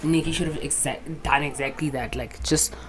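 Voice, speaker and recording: Her voice is low and steady, moving at a moderate pace: a South African vlogger in her early twenties chatting casually to camera. She rambles, swears freely, and mixes in local words, recorded via phone camera and clip-on mic with a little background noise.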